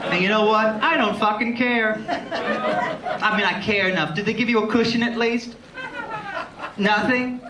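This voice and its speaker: Campy drag queen guy doing bawdy standup crowd work, high voice, kinda far from the mic, echoey venue. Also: normal speed, pauses often, noisy background. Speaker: drag queen comedian hosting a live show. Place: live comedy show with audience. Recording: echoey live venue, distant, loud audience laughter.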